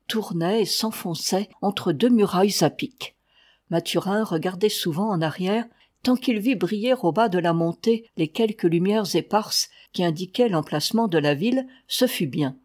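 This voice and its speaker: A woman reading a nineteenth-century novel aloud as scripted narration, steady in the telling and lifting her voice for quoted speech. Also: lowish voice. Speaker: audiobook reader.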